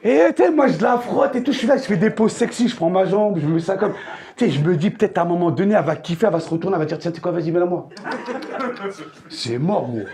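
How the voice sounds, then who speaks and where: Male stand-up comic on stage, high-pitched and gravelly, crude slang with shouted outbursts. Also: animated, racing. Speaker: stand-up comedian. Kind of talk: stand-up comedy. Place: theater stage.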